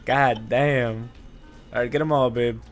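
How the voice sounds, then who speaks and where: A man's voice: mid-range voice, fairly even intonation, a little slow, soft background music. A man hosting a gaming stream, reacting with crude jokes and swearing. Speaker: streamer host. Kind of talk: casual gaming stream chat.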